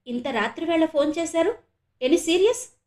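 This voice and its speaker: A woman voicing a kind, wealthy middle-aged adoptive father who talks eagerly and warmly in a read-aloud audio novel. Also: extremely high pitch, normal speed, reverberant. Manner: eager, warm, generous.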